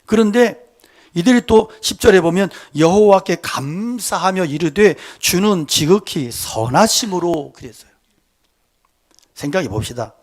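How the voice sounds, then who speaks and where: A male pastor delivering a Sunday sermon, moving between quiet, conversational asides and loud, emphatic exhortation. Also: on the high side. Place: church.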